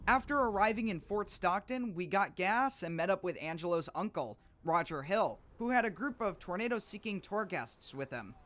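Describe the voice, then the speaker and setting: A man's voice: high-pitched, expressive, normal speed, few pauses, a bit bright, a little hiss or hum. A man reading scripted documentary narration for a storm-chasing video. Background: music.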